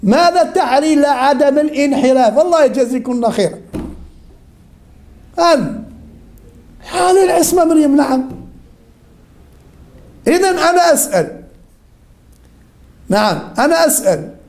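A woman with a high-pitched voice leads an interactive religion lesson. She keeps asking the same question again and again and calls on her students by name until someone answers. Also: lively intonation, normal speed, pauses often, a little mellow. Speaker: religion teacher.

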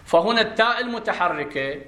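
A man gives a grammar lesson and keeps quizzing his class with questions. His voice sits a little high and sounds bright and forceful. It rings in an echoey classroom. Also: animated, brisk. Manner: explains step by step, quizzing students with questions. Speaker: Arabic grammar teacher.

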